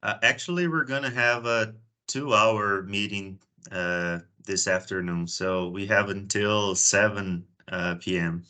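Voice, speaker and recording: A chatty Brazilian meeting host, a native Portuguese speaker, keeps up casual conversation on a video call, frequently repeating words as sentences begin. His voice sits on the low side, pushed and bright, with fairly even intonation and a measured pace.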